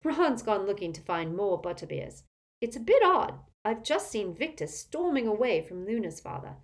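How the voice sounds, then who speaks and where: A woman's voice: mid-range voice, very animated, normal speed, pitched above the performer's own voice. A woman voicing a clever teenage girl who is chatty and a little breathless. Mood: concerned.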